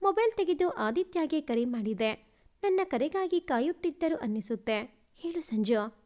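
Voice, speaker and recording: A woman with a high, light voice narrates a heartfelt family story in the first person. Her reading is gentle and measured, and she softens into quieter voices for the dialogue. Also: very animated.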